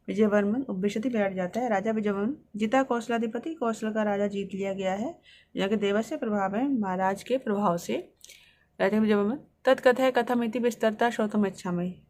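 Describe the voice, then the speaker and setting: A woman's voice: mid-range voice, darkish tone. Woman teacher explaining a text. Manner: reads Sanskrit lines, then explains each in Hindi. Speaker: Sanskrit teacher.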